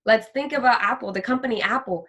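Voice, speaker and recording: A woman speaks as an interview guest, sharing a heartfelt personal faith story. She is animated and slips into the voices of people she quotes. Her voice is bright and sits a little high. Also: fast talker. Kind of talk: heartfelt faith testimony in conversation.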